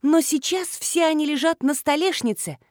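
A woman's voice: high voice, moderate pace, no room sound, studio quality, pitched above the performer's own voice, close to an everyday voice. A woman voicing a fussy, cheerful woman who fawns over her husband and chirps eagerly. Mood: excited. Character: fussy cheerful woman, doting fake wife.

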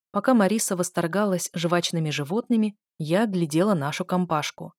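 A woman reading an audiobook aloud, telling a first-person story in a lively way and voicing the dialogue. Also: fairly low pitch, dry recording, clean studio sound. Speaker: audiobook narrator. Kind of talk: audiobook narration.

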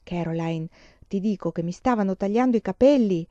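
A woman's voice: medium pitch, a little fast, mellow, dry recording, dull audio, natural voice. A woman reading the part of a cheerful, joking pioneer father in an audiobook, in her own voice. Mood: insistent.

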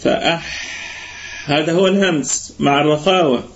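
A man with an Egyptian Arabic accent teaching Quran recitation in an online lesson, patiently explaining and stretching words out slowly to demonstrate them. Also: a little high. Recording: muffled online voice-chat audio.

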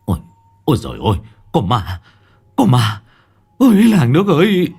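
A man's voice: low voice, big pitch swings, moderate pace, a little hiss or hum. A man voicing a frightened middle-aged village husband, stammering and wailing in fear. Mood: panicked. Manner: stammering, fearful wails.

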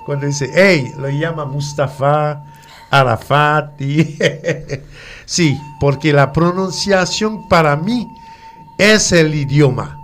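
A man whose first language is French teaches pronunciation, slowly repeating letters and words. His voice sits fairly high, and faint music plays underneath. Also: fairly bright tone. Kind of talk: radio French lesson.

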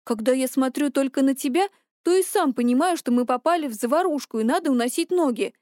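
A woman's voice: high-pitched, quick pace, darkish tone, no room sound, studio quality, natural voice. A woman voicing a dazed teenage boy who speaks in a sluggish, bewildered way.

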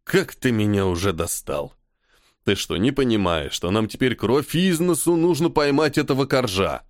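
An irritable, commanding army colonel, as a male audiobook reader puts him on, sarcastic and tired of his subordinate. His pitch swings widely between lines, and the voice sits dry and close with no room around it. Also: expressive, moderate pace, dry recording, lightly acted. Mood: irritated. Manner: sarcastic, commanding, weary sighs. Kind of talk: audiobook character voice.

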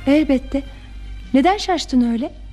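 A young actress playing a calm, playfully confident daughter in a classic radio play. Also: female voice, high voice, measured pace, soft background music. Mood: calm, teasing. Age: young adult. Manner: calm, teasing, self-assured. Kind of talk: 1960s Turkish radio theatre acting.

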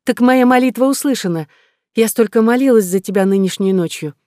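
A man's voice: sits high, a little fast, darkish tone, dry recording, clean studio sound, voice pushed up, close to an everyday voice. A man reading a novel aloud, voicing a tender, devout young woman with an eager, pleading manner. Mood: anxious.

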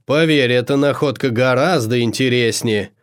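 A man voicing a sly, self-assured female demoness who purrs her lines slowly and half in a whisper. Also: medium pitch, lightly acted. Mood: teasing.

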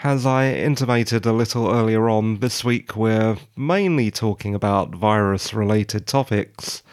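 Casting: British male podcast host, croaky morning voice, unhurried pace, wry and wordy informal monologue. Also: lowish voice. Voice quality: croaky, froggy just-woken voice. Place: quiet study at home.

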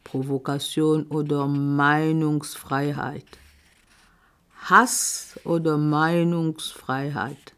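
Using a recording she made on her own, a woman whose voice sits on the low side reads reflective poems she wrote. Her delivery is deliberate spoken word, short phrases broken up by long pauses.

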